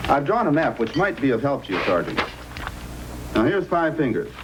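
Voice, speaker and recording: In an old-time radio drama, a man plays a frontier police officer who is helpful and welcoming, friendly and earnest. His mid-range voice swings widely in pitch at a normal speed, close to how he'd talk every day. It's an old radio recording with faint noise.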